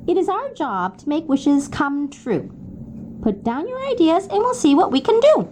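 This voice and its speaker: A woman's voice: high voice, very animated, moderate pace, warm tone, a little hiss or hum, pitched above the performer's own voice. Woman voicing a cheerful little elf builder. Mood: jolly.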